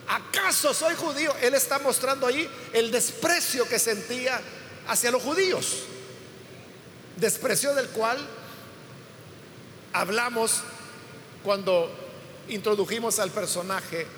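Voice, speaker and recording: A man's voice: extremely high pitch, measured pace, long pauses, a bit bright. A man teaching a Bible passage as a preacher, explaining step by step and acting out the quoted dialogue with emphasis. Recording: hall reverb with faint room noise.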